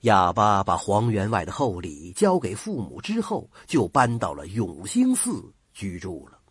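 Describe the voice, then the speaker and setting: A man's voice: wildly swooping pitch, unhurried, slightly rough, dry recording, clean studio sound. A man narrating a Chinese folk ghost story with a dramatic storytelling manner. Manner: dramatic, sweeping pitch.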